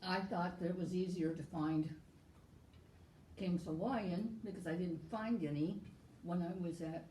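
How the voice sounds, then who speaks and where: A woman's voice: on the low side, fairly even intonation, a little slow, dark tone, distant mic. A woman hosting a casual cooking livestream, talking about her recipe with dry, teasing humor. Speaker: cooking show host. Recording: echoey room, voice a little off-mic, faint noise.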